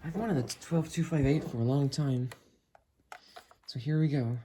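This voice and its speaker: Speaking at a normal speed in a mellow, mid-range voice, this gadget review host chats casually while handling the product. The setting is a room at home, and the recording picks up noise, clicks and handling.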